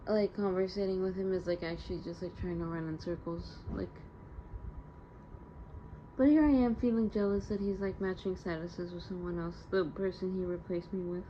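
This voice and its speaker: A young woman rambles candidly in slangy speech for her confessional audio diary, sounding hurt and downcast. Her voice is on the low side, warm and steady, at a moderate pace. The home recording is muffled and lo-fi, with faint noise.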